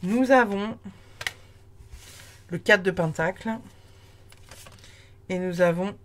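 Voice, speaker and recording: Woman tarot reader, lowish voice, rambling friendly delivery full of fillers. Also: slow, a little hiss or hum. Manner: chatty, many fillers and restarts. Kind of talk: casual spoken tarot reading.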